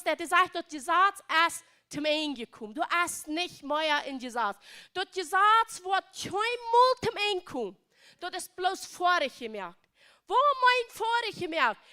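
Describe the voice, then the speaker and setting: A woman's voice: extremely high pitch, very animated, unhurried, sharp tone. A woman with a Plautdietsch accent preaching a sermon in an emphatic, repetitive way.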